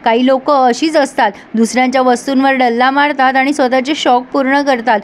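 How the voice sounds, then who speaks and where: A woman's voice: high voice, steady tone, a little fast. A woman, retelling a serial episode in casual narration and reading the characters' lines in her own voice. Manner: retells scenes and reads characters' lines in her own voice, laughs now and then.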